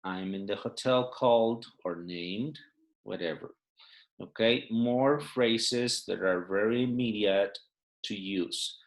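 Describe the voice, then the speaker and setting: A man who speaks natively, going through a phrase sheet in English, unhurried and with many fillers. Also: fairly low pitch. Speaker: Spanish teacher.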